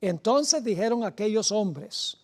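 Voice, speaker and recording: A woman preaching a sermon, with deliberate phrasing and rising emphasis on key words. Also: mid-range voice, lively intonation, darkish tone.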